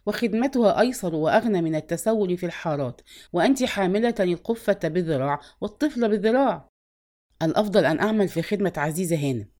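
A woman's voice: fairly low pitch, lively intonation, quick pace, darkish tone, natural voice. Woman doing a spirited young street vendor girl from a storybook.

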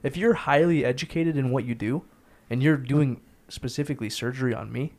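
A man's voice: mid-range voice, a little fast, a little mellow. A man co-hosting a casual podcast, making his points in an earnest, insistent way. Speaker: podcast co-host.

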